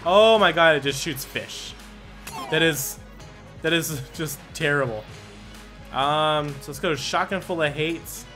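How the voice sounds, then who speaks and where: Reading item text aloud and thinking through his choices, this gaming channel host delivers let's play commentary in a higher voice. Quick bursts of excitement break in, with game music running underneath.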